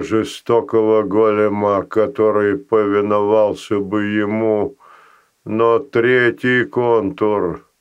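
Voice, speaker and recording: A man voicing an ancient, gentle male ice golem who speaks faintly, slowly and haltingly, in a storybook reading. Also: lowish voice, smooth, lo-fi sound. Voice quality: faint rustling voice. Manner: slow, halting, pauses between words.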